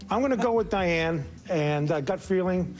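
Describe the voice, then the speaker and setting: A man's voice: sits high, lively intonation, music in the background. A man on a reality show panel who challenges others and cuts in on them. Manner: rapid, interrupting. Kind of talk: heated debate on a reality show.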